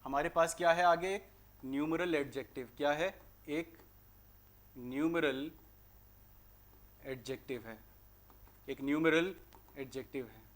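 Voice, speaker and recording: A fairly high-voiced man with an Indian accent teaches a grammar lesson for exam preparation. He explains points conversationally, then slows right down to read English sentences word by word. He quizzes the class with questions he answers himself. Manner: explains in Hindi, reads English sentences slowly and deliberately; asks and answers his own rhetorical questions.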